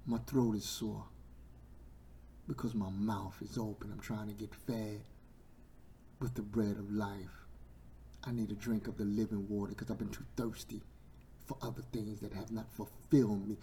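A man preaching a sermon with a sore, hoarse throat. He talks with passion and drives each point home through repetition. He swings from shouting to near-whispers. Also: lowish voice, flat delivery, moderate pace, pauses often, slight background noise. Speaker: preacher and podcast host.

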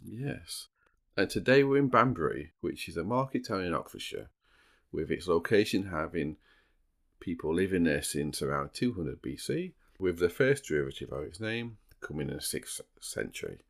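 A man's voice: deep voice, expressive, normal speed, gravelly. A man hosting a true crime podcast, moving between casual banter and storytelling, with a dry, teasing humour. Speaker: podcast host.

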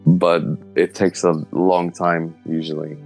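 A man, answering interview questions in a thoughtful, halting way. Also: low voice, flat delivery, gravelly, a little mellow, faint music behind, low-quality recording. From Slovenia. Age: 30s. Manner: thoughtful, halting, searching for words. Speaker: interviewee, illustrator.

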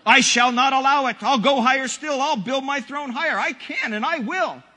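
A man's voice: very high-pitched, moderate pace, pushed and bright, full character voice. A man voicing a boastful, domineering turtle king from a children's storybook, pompous and bellowing. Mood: defiant, demanding. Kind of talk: children's storybook read aloud. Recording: long hall reverb.

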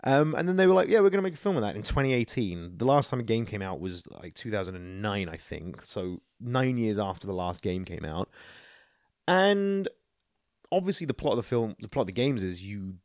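This podcast co-host has a lowish, darkish voice and talks briskly and very animatedly, rambling and swearing through casual chat about films and video games. The sound is clean studio audio with no room echo.

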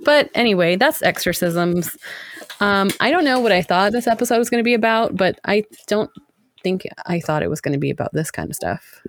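A woman's voice: mid-range voice, very animated, brisk, no room sound. A woman co-hosting a podcast in casual chat, talking with many likes and ums and laughing often. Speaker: podcast co-host.

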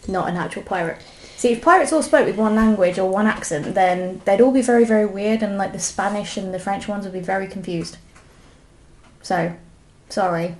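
A woman's voice: mid-range voice, moderate pace, a little hiss or hum. A woman co-hosting a casual history podcast, explaining at length and correcting her co-host.

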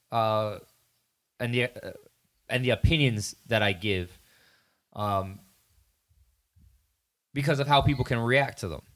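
A man hosting a casual podcast, phrasing his thoughts in a measured, deliberate way. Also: on the low side, a bit bright. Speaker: podcast host.

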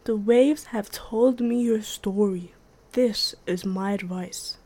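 A woman voicing a wise old female octopus in a storybook, speaking slowly in a low, solemn voice. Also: warm tone.

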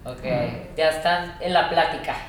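A woman's voice: low-pitched, moderate pace. A Mexican woman hosting a casual chat, prompting her guests playfully. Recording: echoey room, faint noise.

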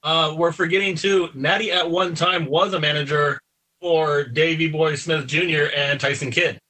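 A man's voice: a little high, fairly even intonation, normal speed, sharp tone, distant mic, rough recording. A man chiming in on a casual wrestling chat over a choppy online call whose audio keeps breaking up.

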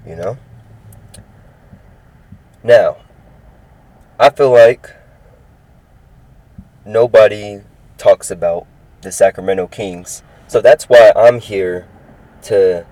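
Recorded roughly with no room sound, his voice sits fairly low and comes across a bit mellow. The speaker is a 20-something podcast host from California who chats upbeat and rambling about sports, often saying things twice.

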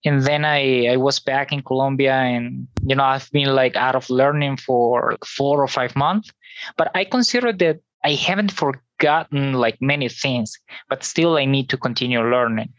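A guest from Venezuela speaks English with a Venezuelan Spanish accent, easygoing and halting. The voice sits mid-range and the audio is dry and a touch dull, like lo-fi sound. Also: mid-range voice, dry recording. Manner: easygoing, talks in loose halting phrases. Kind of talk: casual interview chat.

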